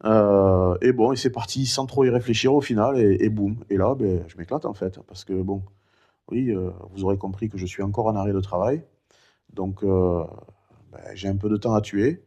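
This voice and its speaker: A middle-aged man talking casually in a vlog, rambling and chatty with many fillers; one vocal cord is impaired, so he has no high head voice. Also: normal speed, warm tone. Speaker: vlogger recounting his cancer.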